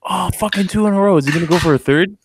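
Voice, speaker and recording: A man's voice: high-pitched, racing, very noisy. A man joking and heckling from off camera during a live stream. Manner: teasing, crude, excitable. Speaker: off-camera guest. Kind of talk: casual chat.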